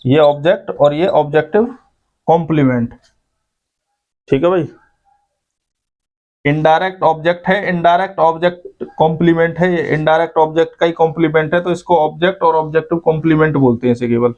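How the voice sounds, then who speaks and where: A man's voice: fairly high pitch, fairly even intonation, brisk, long pauses, darkish tone, lo-fi sound. A man teaching an English grammar lesson to school students, explaining step by step and often checking in with "okay, brother". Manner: explains step by step, keeps adding "ठीक है भाई".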